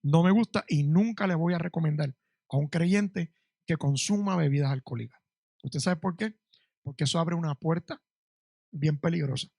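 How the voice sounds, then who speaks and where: A man's voice: a little high, normal speed, gravelly, darkish tone, breathy edge, no echo, studio quality. A middle-aged male pastor, preaching a sermon in church with emphatic rising bursts.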